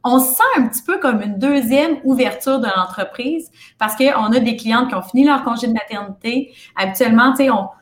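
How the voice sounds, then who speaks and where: A woman's voice: a little high, fairly quick, roomy sound. A young woman with a Quebec French accent, chatting casually in an interview as a kinesiologist, with many fillers and restarts. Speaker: kinesiologist and business owner.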